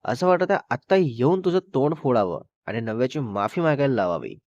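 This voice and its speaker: A man's voice: mid-range voice, big pitch swings, brisk, a little mellow, no echo. A man voicing a blunt, protective young male friend who scolds and threatens, in a dull, dry recording. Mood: scolding.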